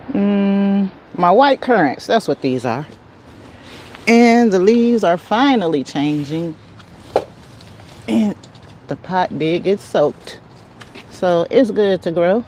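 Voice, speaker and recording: Speaking in a mellow, lowish voice, an American woman hosts a garden livestream, recorded outdoors on a handheld phone with slight background noise. She is casual and folksy, often murmuring to herself and to her plants.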